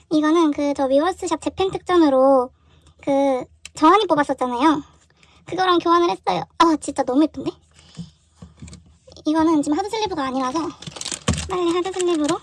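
A young woman with a high voice chats casually as she unboxes things at her desk. She is excitable and keeps breaking into surprised exclamations. Her voice is picked up by the camera mic indoors. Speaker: vlogger.

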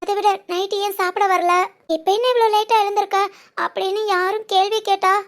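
A woman playing a timid, very high-voiced young bride. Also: little pitch movement, moderate pace. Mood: worried, hesitant. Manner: hesitant, tearful, soft-spoken. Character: shy anxious young newlywed wife. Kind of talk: romantic audio drama.

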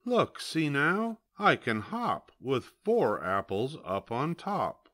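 Slow, lively grandfatherly storybook reader. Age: older. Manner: slow, lively sing-song reading with bursts of high excitement. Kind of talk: reading a children's picture book aloud.

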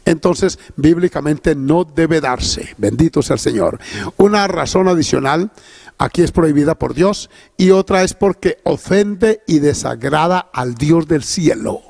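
Gravelly preacher, emphatic. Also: male voice, fairly high pitch, expressive, a little slow, a little mellow, no room sound, studio quality. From Colombia. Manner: emphatic preaching with frequent interjections of praise. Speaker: pastor. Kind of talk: sermon.

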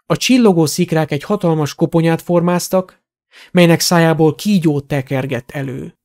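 A man with a fairly high voice narrates a fantasy audiobook. His reading is dramatic and steady, with a clear storytelling cadence. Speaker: audiobook reader.

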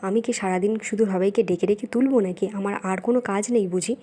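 A woman's voice: mid-range voice, fast, mellow, a little hiss or hum. A woman voicing a busy young housewife in a doll-play drama, nagging and scolding the household.

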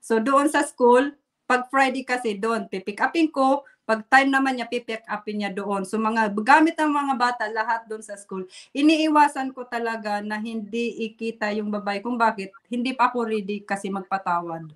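Filipina woman, slightly high voice, halting, holding back tears, personal storytelling. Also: a bit bright. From Philippines. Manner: halting, fights back tears, laughs nervously. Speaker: interview guest. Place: Germany.

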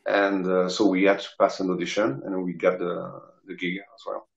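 Low French-accented man in a roomy recording. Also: little pitch movement, normal speed, gravelly. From south of France. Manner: hesitant, searching for words. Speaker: interview guest, rock guitarist and singer. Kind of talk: casual anecdotes. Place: indoor room, video call. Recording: roomy, dull video-call sound.

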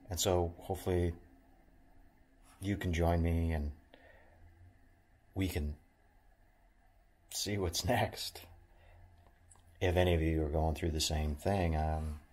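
Slow, very low-voiced reflective man. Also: a little mellow, a little hiss or hum. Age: middle-aged. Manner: reflective, halting, with many fillers and restarts. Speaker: vlogger. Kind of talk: casual talk to camera. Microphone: handheld phone at arm's length.

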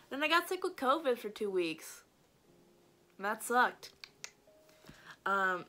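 A woman's voice: medium pitch, a bit bright. A young woman chatting casually to camera as a vlogger, informal and self-deprecating, trailing off, her speech slightly thick as if from a swollen mouth. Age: young adult. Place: small bedroom, indoors. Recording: noisy home bedroom recording.

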